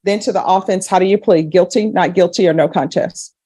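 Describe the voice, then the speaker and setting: A woman's voice: fairly low pitch, fairly quick, dark tone, slightly rough, no echo. A woman speaking as a judge in a courtroom, formally putting questions and giving rulings. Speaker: judge presiding over a court hearing.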